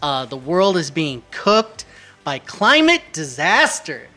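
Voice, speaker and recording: Brief: bright-voiced male podcast host, joking, hype-driven intros, faint music behind. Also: a little high, huge pitch swings, slow. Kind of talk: casual podcast chat.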